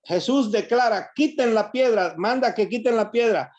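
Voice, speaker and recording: Man, high voice, preaching sermon, reads verses and comments, dull lo-fi sound. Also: normal speed, darkish tone. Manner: reads verses aloud and comments on them to the congregation. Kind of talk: sermon reading and explaining scripture. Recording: dull lo-fi recording.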